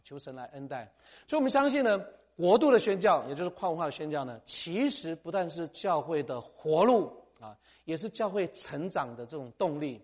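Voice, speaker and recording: A middle-aged man preaching, lively and conversational. He tags his sentences with a chatty "ha" and drops English phrases into his talk. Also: on the high side, slightly rough. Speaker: missionary speaker. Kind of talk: sermon.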